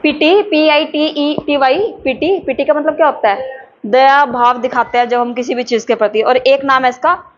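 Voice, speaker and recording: High-voiced woman teaching a class. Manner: chatty, repeats terms slowly for dictation. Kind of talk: classroom lecture dictating notes. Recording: dull lo-fi with faint background noise.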